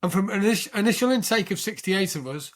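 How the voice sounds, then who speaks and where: A British man in his sixties, a veteran telling his life story as an interview guest, animated and often checking in with the listener. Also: sits high, fast talker. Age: 60s. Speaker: podcast guest, military veteran.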